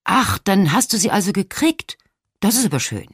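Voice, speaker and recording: A woman's voice: low voice, sing-song, husky, dry recording, clean studio sound, full character voice. A woman voicing a frazzled, exhausted young mother who speaks bluntly to her friend in an audiobook. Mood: hurt. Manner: blunt, hurried.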